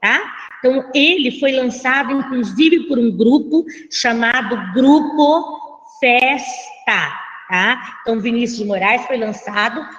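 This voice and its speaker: A Brazilian literature teacher, a woman with a slightly high voice, lectures at an unhurried pace, padding her explanations with tag questions. Her voice rings with a long reverb in the room. The sound is dull, as on a computer mic. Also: a bit bright. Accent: Brazilian Portuguese. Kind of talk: online class lecture.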